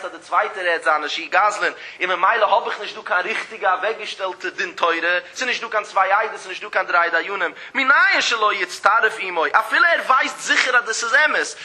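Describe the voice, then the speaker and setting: Male religious teacher, high keen voice; recites text lines, then explains them with lively emphasis. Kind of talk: traditional religious text lecture.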